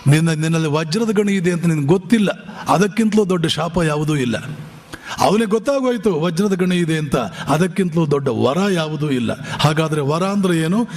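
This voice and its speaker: A man's voice: fairly high pitch, animated, normal speed, a little mellow. A monk from giving a spiritual discourse, impassioned and firing rhetorical, scolding questions at his listeners. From Bijapur region, north Karnataka. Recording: long hall reverb.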